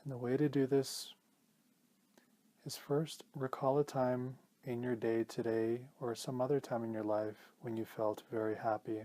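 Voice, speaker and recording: Guiding a meditation, a man acting as teacher uses a calm, gentle, mid-range voice, keeping a measured rhythm with pauses.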